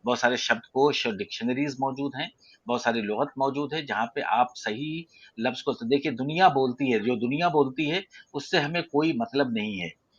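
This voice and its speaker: A man from central India with an Indian Urdu accent, teaching poetic meter in an online audio class, measured and explanatory with frequent hesitations. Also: medium pitch, husky, dry recording, muffled recording. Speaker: poetry teacher. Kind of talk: prosody lesson in an online audio room.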